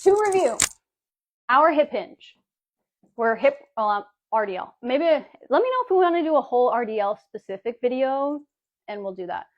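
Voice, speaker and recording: A woman's voice: high-pitched, very animated, moderate pace. A woman fitness coach giving a casual live workout demonstration, chatty and breezy, calling her viewers baby and girlies. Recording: dull lo-fi livestream audio.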